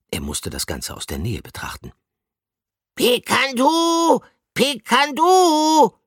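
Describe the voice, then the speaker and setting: A man reading a children's story aloud in a lively, animated way. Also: low-pitched, slightly rough, no echo, clean studio sound. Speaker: narrator.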